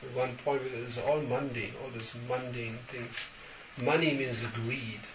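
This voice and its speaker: An older man, a spiritual teacher, answers questions in short phrases, pausing for an interpreter. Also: medium pitch, fairly even intonation. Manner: measured, pauses for translation. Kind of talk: sermon Q&A with interpreter. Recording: echoey hall, distant mic, background noise.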